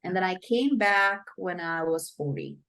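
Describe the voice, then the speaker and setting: A middle-aged Polish woman, a brain coach, appears as the guest on a podcast interview, sounding upbeat and expressive. Her voice is lowish and she speaks a little slowly.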